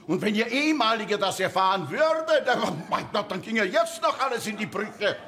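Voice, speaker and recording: An actor playing a fussy, excitable chatterbox who talks in a flustered, stammering, gossipy way. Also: male voice, sits high, normal speed, exaggerated voice. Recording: echoey theater stage.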